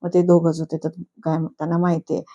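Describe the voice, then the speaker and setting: A middle-aged woman chats through a reality show recap in a low, steady voice with a gravelly edge and a mellow tone. She quotes the contestants as she retells their quarrels and laughs often as she goes. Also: quick pace, highs cut off.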